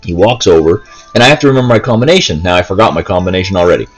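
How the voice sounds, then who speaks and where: A gameplay video host talks in a low, expressive voice at a racing pace, rambling casually as he explains things step by step. Faint game music plays in the background.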